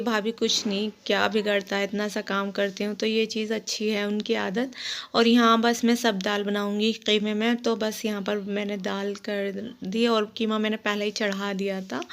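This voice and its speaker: Chatty woman narrating her daily vlog. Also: medium pitch. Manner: chatty, warm-hearted, rambling storytelling. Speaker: vlogger. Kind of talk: casual voice-over of daily home life. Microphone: phone.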